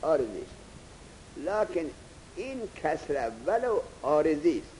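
Guy teaching grammar class, kinda high voice, old hissy tape, reads a line slow then explains and quizzes the room. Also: mellow, big-room sound, poor audio. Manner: reads Arabic text slowly, then explains it in Persian and quizzes students. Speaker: seminary teacher of Arabic grammar. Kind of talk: classroom lecture.

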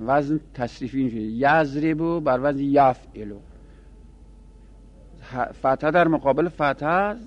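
A male teacher lectures on grammar at an ordinary middle pitch, working through each pattern methodically and repeating the pairs aloud. He poses questions and then answers them himself. The recording sounds dull and lo-fi. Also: a little mellow. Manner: asks and answers his own questions. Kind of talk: classroom lecture.

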